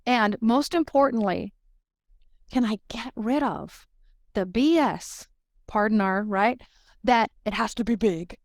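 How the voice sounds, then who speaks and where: Woman channeler, higher voice, emphatic, tags lines with "right?", dry close sound. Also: takes it slowly, darkish tone, dry recording. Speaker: channeler for a spirit collective. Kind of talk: channeled spiritual guidance in an interview.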